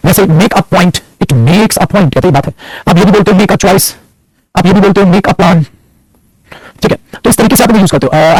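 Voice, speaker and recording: Fast, husky male grammar teacher. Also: high-pitched, darkish tone, poor audio. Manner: addresses students as beta and putra ji, asks and answers his own questions; mixes Hindi explanation with English example sentences. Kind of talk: online grammar lesson.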